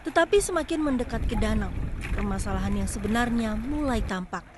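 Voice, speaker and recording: A female news reporter giving a measured, scripted narration for an investigative report. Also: fairly high pitch, animated, noisy background.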